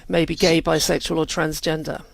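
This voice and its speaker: A woman's voice: sits low, little pitch movement, brisk, creaky, no echo. A woman working as a news interviewer, asking challenging questions in a probing, persistent manner.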